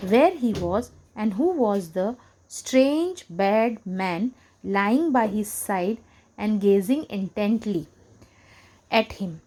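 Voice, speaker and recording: A woman's voice: medium pitch, mellow, poor audio. A woman teacher reading a textbook story aloud and explaining it line by line, often asking rhetorical questions. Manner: rereads lines, then paraphrases with rhetorical questions. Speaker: school English teacher.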